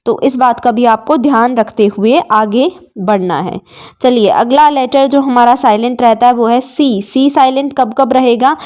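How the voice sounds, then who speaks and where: Woman, teacher, fairly high voice, slow careful lesson, repeats every word. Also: a little mellow. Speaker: English teacher. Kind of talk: spoken Hindi vocabulary lesson.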